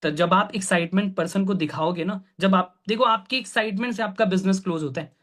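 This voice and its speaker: A man coaching a group in an online training session, often checking that they follow and clearing his throat now and then. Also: sits high, fairly quick, a bit bright. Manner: coaching, repeats "ठीक है?" to check understanding. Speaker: sales trainer.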